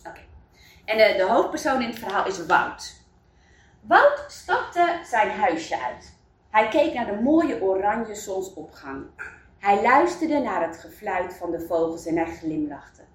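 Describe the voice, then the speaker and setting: A woman reading a children's story aloud, in an expressive storybook manner. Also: mid-range voice, measured pace. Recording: roomy, distant mic.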